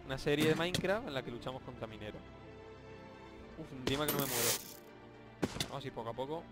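A young man from Spain with a Spanish accent, giving jokey, excitable commentary over a Minecraft let's play, yelping and shouting when surprised. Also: mid-range voice, fast. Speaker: gaming YouTuber. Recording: game music playing behind. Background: game music.

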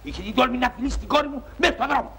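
An actor playing a furious older army colonel who shouts threats, in a 1960s film comedy, gravelly and high. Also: male voice, full character voice. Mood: enraged. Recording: noisy old film soundtrack.

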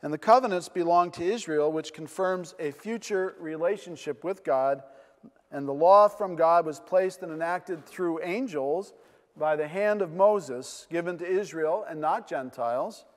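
A man's voice: a little high, unhurried. An older man with a New England accent preaching a sermon from a pulpit in a large wood-paneled church, earnest, with rhetorical questions and frequent fillers. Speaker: pastor. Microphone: pulpit mic. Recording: long church reverb.

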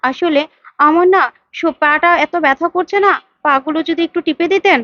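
A woman reads out a scheming young wife who coaxes and wheedles to get her way. The voice is high-pitched, dry and slightly dull. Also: normal speed, dry recording, natural voice. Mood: wheedling. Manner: wheedling, coaxing.

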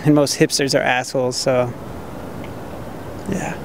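A man answering a street interview in short, deliberate remarks. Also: mid-range voice, level tone, noisy background. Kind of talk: casual vox pop answers.

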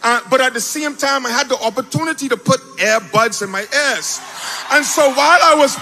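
A man raised in the Bahamas tells his testimony on a large auditorium stage, speaking into a handheld mic that another man holds for him. His voice is high and bright, and he gets animated and shouts when excited. Faint music plays behind him. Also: brisk. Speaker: testimony speaker at a church event. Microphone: handheld mic held by another man.

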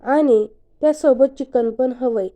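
A woman's voice: high-pitched, unhurried, dark tone. Woman narrator doing a stubborn, pouty young woman. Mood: pouting playful. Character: playful, stubborn young woman who sulks.

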